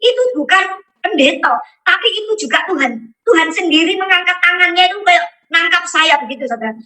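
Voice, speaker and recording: A woman's voice: extremely high pitch, lively intonation, brisk, bright, forceful tone, poor audio. A woman giving a religious testimony to a congregation, telling her story vividly and often turning to address her listeners directly. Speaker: testimony speaker.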